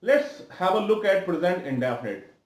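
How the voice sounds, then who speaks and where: A man with an Indian English accent teaching English grammar in a slow, deliberate lecture style, repeating key words and slipping into Hindi asides. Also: high-pitched, animated, roomy sound, rough recording. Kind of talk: video lesson lecture.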